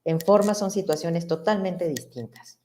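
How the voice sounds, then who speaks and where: A woman's voice: on the low side, expressive, moderate pace, mellow, slight background noise. A middle-aged woman psychologist, explaining ideas in a reflective way and asking rhetorical questions. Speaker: psychologist guest. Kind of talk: conversational explanation.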